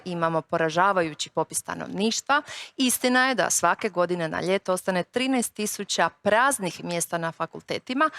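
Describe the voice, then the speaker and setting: A Croatian woman presenting on an event stage, announcing the next panel in a smooth, scripted way. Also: medium pitch, a bit bright, dry recording, studio quality.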